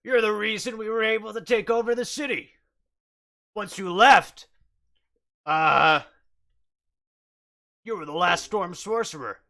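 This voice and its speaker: A smug bugbear ruler, as a man puts him on, drawling and hesitant with plenty of uhs. The voice is bright and lively in pitch, and unhurried. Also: heavily acted. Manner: lazy, hesitant, full of uhs. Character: smug male bugbear, self-made town ruler.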